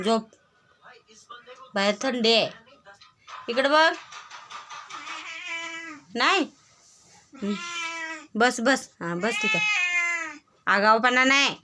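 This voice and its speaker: A woman's voice: a little high, big pitch swings, slow, long pauses, noisy background. A woman vlogger talking to her pet in a casual way, mock-stern and coaxing, repeating short commands.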